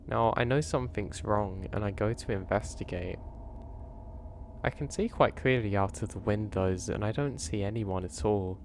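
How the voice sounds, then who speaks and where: A man with a lowish voice and a slightly strained throat reads scripted first-person horror stories calmly and in a measured way. He narrates as a steady host over a faint bed of background noise.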